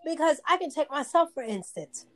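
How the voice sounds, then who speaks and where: A woman with a naturally high-pitched voice co-hosts a casual chat. She talks earnestly and with emphasis, sounding expressive and brisk.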